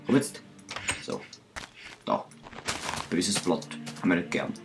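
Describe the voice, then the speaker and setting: Low-voiced Swiss German man for let's play narration, chatty and self-mocking, soft music bed. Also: sing-song, takes it slowly, gravelly. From Switzerland. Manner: chatty, self-mocking, talks to himself and viewers. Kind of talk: casual gameplay commentary.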